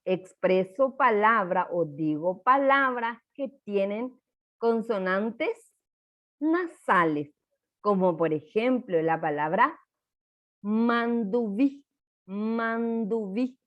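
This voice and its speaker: A woman teaching a classroom lesson, sounding out syllables slowly for students to repeat. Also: mid-range voice, animated. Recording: dull lo-fi recording.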